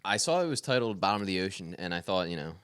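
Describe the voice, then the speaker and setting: A man's voice: deep voice, big pitch swings, rapid-fire, fairly bright tone, clear, resonant tone. A man co-hosting a podcast, chatting casually about an album in an easygoing way and laughing easily. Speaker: podcast co-host. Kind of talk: casual music review chat.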